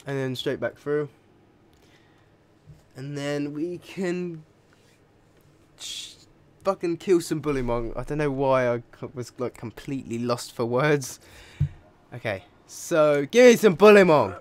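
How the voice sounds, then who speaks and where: A man giving casual let's play commentary while gaming, chatty and profane, with sudden excited yelps. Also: mid-range voice, takes it slowly, long pauses. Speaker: gaming video creator. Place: home room.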